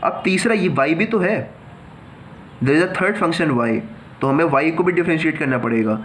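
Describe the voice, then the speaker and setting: A man's voice: fairly high pitch, expressive, unhurried, fairly bright tone, a little hiss or hum. A man teaching a math lesson, explaining step by step and mixing Hindi with English, often asking a question and then answering it himself. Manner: addresses students as children, asks and answers his own questions.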